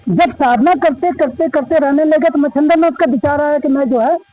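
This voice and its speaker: A man with a very high yet mellow, dark-toned voice tells an old legend to a gathering at an ashram. He talks in a homely, repetitive way and keeps slipping into his characters' lines. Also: brisk, rough recording. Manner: folksy, repetitive, acts out quoted dialogue. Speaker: storyteller of a religious legend. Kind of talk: casual oral storytelling.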